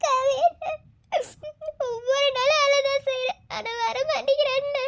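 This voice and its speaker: A heartbroken young pregnant woman in a cartoon story, sobbing as she pleads, voiced by a woman. Her voice sits very high and breaks with tears. She sounds young and bereft. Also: fairly even intonation, measured pace, vocal fry, a bit bright, heavily acted. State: crying. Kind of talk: cartoon voice acting.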